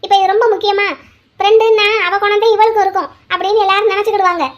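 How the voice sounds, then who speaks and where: Brief: a woman playing a nagging cartoon mom, high and rapid, gossipy. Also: little pitch movement, highs cut off. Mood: complaining. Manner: complaining, gossipy. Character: nagging middle-aged cartoon mother, gossipy and strict.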